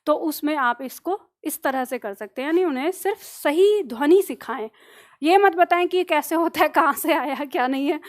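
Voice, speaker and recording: A woman teaching an online Hindi lesson, explaining step by step, putting questions to her students and answering them herself. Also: high-pitched. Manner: slows down and drags out letter sounds to demonstrate pronunciation. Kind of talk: online exam-prep lesson.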